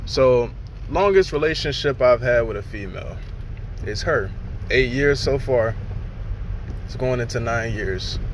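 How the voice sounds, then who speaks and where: A man in his late twenties talking candidly and at length in a casual personal podcast monologue, recorded in a car. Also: mid-range voice. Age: 20s. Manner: candid, rambling, conversational. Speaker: podcast host. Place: in a car during rain. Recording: rain and car noise behind.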